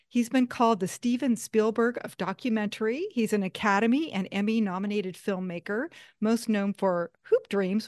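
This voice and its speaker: A woman's voice: medium pitch, a little mellow, no room sound, clean studio sound. A woman hosting an interview show in a chatty, lightly joking manner. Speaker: host. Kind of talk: interview host.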